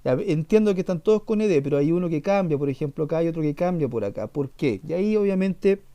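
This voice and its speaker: A man's voice: a little high, animated, fast, mellow, slight background noise. A man teaching an English class, explaining patiently and repeating himself with fillers. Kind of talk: online class lesson.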